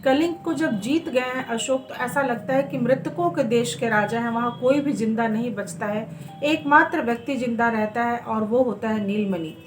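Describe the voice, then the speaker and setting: A woman hosting her channel, reading a stage play aloud with a measured storytelling delivery. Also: fairly high pitch, noisy background. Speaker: channel host and reader.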